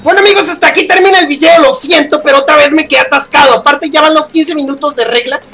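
High-pitched Mexican gamer shrieking in panic. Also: male voice, steady tone, quick pace, sharp tone, soft background music. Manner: shrieks in panic and swears constantly. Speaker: gaming youtuber. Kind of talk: horror gameplay commentary.

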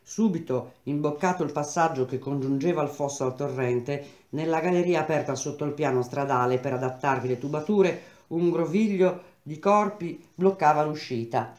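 A woman reading a novel aloud in a steady, measured storytelling voice. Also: low-pitched. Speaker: reader. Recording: roomy echo.

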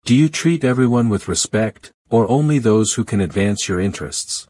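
A man voicing a composed, authoritative older woman, speaking gently but firmly in a low, husky voice. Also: moderate pace, no room sound, studio quality. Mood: calm firm. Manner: gentle but firm, even.

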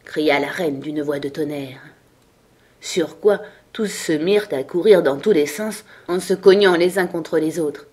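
Woman reading a storybook, husky low voice. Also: measured pace, mellow. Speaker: narrator.

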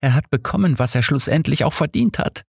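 A man's voice: fairly low pitch, animated, normal speed, mellow, husky, no echo, studio quality. A man voicing an agitated, defiant young woman in an audiobook.

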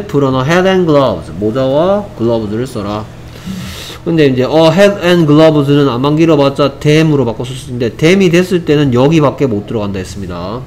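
A man's voice: a little high, darkish tone, a little hiss or hum. A man teaching an English vocabulary lesson. He explains step by step, repeats each phrase, and mixes English examples into his explanations, speaking English with a Korean accent.

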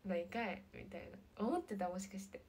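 A woman in her twenties with a light lilt, chatting casually on a livestream and reading viewer comments, often slipping into soft half-whispers. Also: mid-range voice, animated, brisk, slight background noise. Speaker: idol livestream host.

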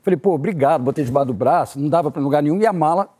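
A Brazilian man in his sixties tells a story as a talk show guest. His voice sits somewhat high for a man. He keeps his delivery animated, leaning into every acted-out line. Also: rapid-fire. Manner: animated storyteller, acts out quotes. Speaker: actor guest.

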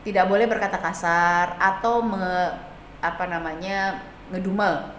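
A woman's voice: fairly low pitch, unhurried. A woman teaching a hospitality lesson, explaining step by step with frequent hesitation fillers and acting out sample phone greetings. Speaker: hospitality instructor. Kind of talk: classroom lecture. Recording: echoey room with faint noise.

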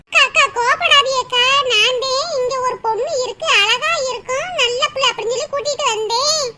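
A woman's voice: extremely high pitch, a little fast, bright, forceful tone, slight background noise, pitched above the performer's own voice. A woman voicing a pushy village matchmaker woman in a cartoon. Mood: pleading. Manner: pleading and whiny.

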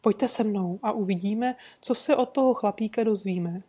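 A woman reading an audiobook, voicing a composed, courteous gentleman detective who speaks calmly and sweetly insists. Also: mid-range voice, lightly acted. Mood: suave. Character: composed, suave gentleman detective, adult man.

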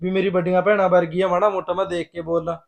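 A man playing a patient young husband who reasons and calms his wife in a film drama scene. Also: high-pitched, quick pace, gravelly. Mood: reasoning. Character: easygoing young husband caught between wife and sister-in-law. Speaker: husband, a day laborer. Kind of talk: short-film drama dialogue.

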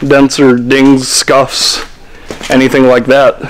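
A young farm vlogger holds a camera at arm's length and talks easygoingly into it, thinking aloud with fillers. His medium-pitched voice is slow and completely flat, and the audio is poor. He is in a tractor cab, outdoors on the farm, and in a machine shed.

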